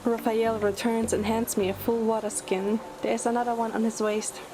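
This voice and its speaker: As narrator and lead of a fan audio drama, a woman with a fairly high voice reads scripted first-person dramatic lines in a flat delivery at normal speed. The background is noisy, with loud music under her voice.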